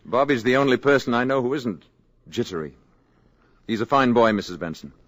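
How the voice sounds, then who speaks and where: An actor playing a calm, grave male alien envoy in human guise, speaking in a measured, formal way in an old radio drama. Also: medium pitch, dry recording, lightly acted. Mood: friendly. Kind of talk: 1950s radio acting.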